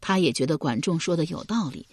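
A woman narrating a historical novel audiobook in an expressive storytelling manner. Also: deep voice, brisk, no room sound, studio quality.

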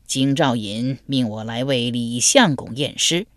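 A woman's voice: a bass voice, no echo, voice pushed down. A woman playing a frail old coroner. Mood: grave. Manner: very slow, trembling delivery. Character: frail old man, veteran coroner, slow and shaky.

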